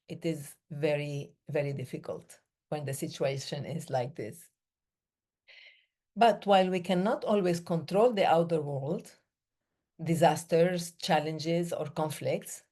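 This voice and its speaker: A woman born in the Middle East gives a reflective talk on breathing as a breathing day speaker. Her fairly low, mellow voice moves in slow, measured phrases separated by pauses.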